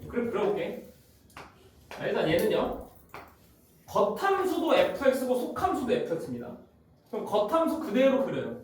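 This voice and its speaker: Recorded at a distance in a heavily echoing room with faint noise, a man with a very high voice whose pitch swoops wildly lectures a math class. He goes through graphs on the board at a brisk, informal clip, constantly checking that students are following.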